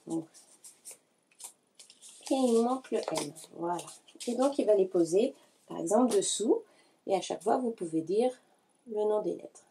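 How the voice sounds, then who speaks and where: A woman calmly explaining a hands-on learning activity to parents, speaking directly to them in a patient tutorial style. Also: medium pitch, normal speed, long pauses, a little hiss or hum. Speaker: early-learning educator.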